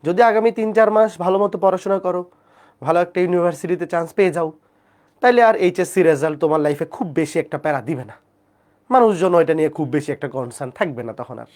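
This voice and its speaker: Soft-spoken Bangladeshi math tutor with a fever, lecturing live online and checking in with students often. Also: mid-range voice, fast talker. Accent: Bangladeshi Bengali. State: feverish, speaking softly. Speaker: math teacher.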